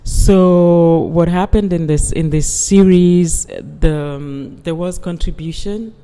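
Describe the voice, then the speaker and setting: A guest artist from the United Kingdom answering interview questions in a slow, measured, reflective way. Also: medium pitch, dark tone, smooth. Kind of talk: interview conversation. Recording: long reverb, hall-like.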